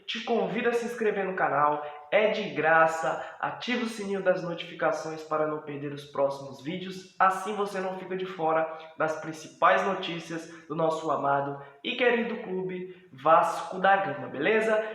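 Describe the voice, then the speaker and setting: Brazilian man, fan-channel host, halting casual commentary; very roomy echoey recording. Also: sits high, fairly bright tone. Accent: Brazilian Portuguese. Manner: hesitant, many drawn-out fillers. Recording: very echoey room.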